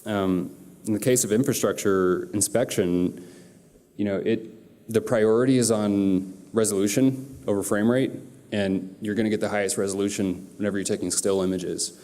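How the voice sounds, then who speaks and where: A man's voice: fairly low pitch, dark tone. A man giving a conference talk from the stage, speaking casually with lots of fillers. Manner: casual, loose presenter with many fillers. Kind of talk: conference presentation. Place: conference hall. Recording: long hall reverb.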